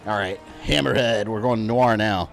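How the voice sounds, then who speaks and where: A man's voice: lowish voice, moderate pace, gravelly, faint music behind. A man in his thirties chatting casually as a live streamer, fannish and rambling while he plays. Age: 30s.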